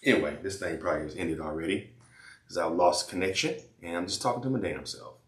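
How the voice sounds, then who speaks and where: A man's voice: low voice, quick pace, echoey room. A man giving blunt, repetitive life advice in casual slang, talking straight to his viewers. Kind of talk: casual advice monologue and phone chat.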